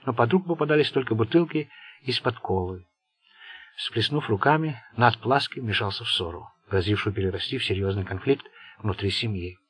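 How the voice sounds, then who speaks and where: A man narrating a crime novel as an audiobook reader, in steady storytelling. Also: lowish voice, a little fast, breathy edge. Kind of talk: scripted narration.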